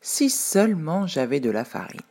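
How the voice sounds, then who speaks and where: A woman voicing a gentle old village woman in a storybook, soft and a little wistful. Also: low voice, sing-song, moderate pace, heavily acted.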